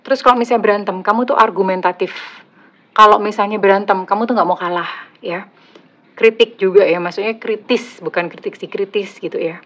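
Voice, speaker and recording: A woman with an Indonesian accent and a slightly husky voice, doing a casual, chatty tarot reading for her viewers, teasing and joking as she goes. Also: mid-range voice, steady tone, brisk, a bit bright. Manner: chatty, teasing, laughs at own jokes. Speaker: tarot reader. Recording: slightly dull lo-fi audio.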